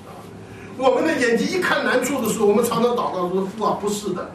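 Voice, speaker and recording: A man's voice: very high-pitched, fast, noisy background. Man preaching a sermon in an echoey hall. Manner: animated, often asks the congregation questions and answers them himself. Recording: echoey hall, distant mic.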